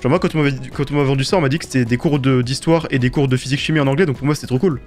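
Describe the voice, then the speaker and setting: A young French man chatting casually while gaming, quick and slangy. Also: mid-range voice, steady tone, darkish tone, faint music behind. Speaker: gamer.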